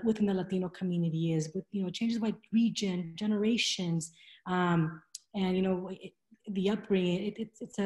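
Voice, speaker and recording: A woman in her thirties presents a webinar over a laptop webcam from a room at home with window blinds, chatting away with plenty of fillers and restarts. Her voice is medium-pitched and darkish, and the audio has a roomy echo.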